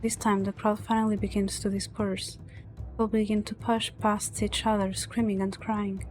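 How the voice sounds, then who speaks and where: A woman's voice: mid-range voice, flat delivery, moderate pace, darkish tone, soft background music. A woman streamer reading story narration aloud from a visual novel, dramatic but stumbling over words now and then.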